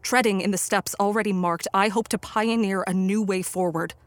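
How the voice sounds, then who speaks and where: A woman's voice: mid-range voice, fairly even intonation, normal speed, no echo, lightly acted. A woman playing Victor, an ambitious, obsessive young male scientist in a radio play, with formal, theatrical, impassioned diction. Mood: earnest, formal. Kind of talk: dramatic radio play narration and acting.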